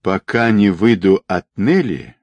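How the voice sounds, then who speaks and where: A man voicing a composed, persuasive man who speaks calmly and with quiet confidence. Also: low-pitched, no room sound, muffled recording. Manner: calm, measured, persuasive.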